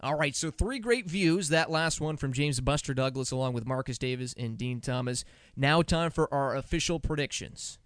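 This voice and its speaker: A man hosting a sports talk show, chatting in a lively, teasing way. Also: medium pitch, moderate pace, clean tone, no echo, studio quality. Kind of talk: casual sports chat.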